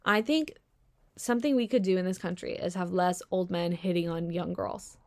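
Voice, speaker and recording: A young woman hosting a solo podcast, ranting in a sarcastic, animated way with slang and bursts of laughter. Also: on the low side, normal speed. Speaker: podcast host. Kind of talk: casual solo podcast commentary.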